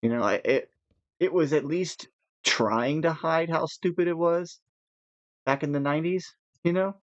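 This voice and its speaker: A man chatting casually while gaming, rambling with nervous laughs and animated asides. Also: a little high, measured pace, dry recording, muffled recording. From United States. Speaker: gaming podcast co-host.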